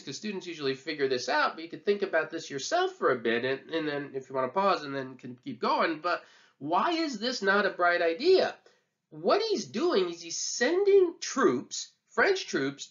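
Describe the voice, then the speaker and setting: A man teaching history in a relaxed, conversational lecture, full of asides and fillers. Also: high voice, dull audio.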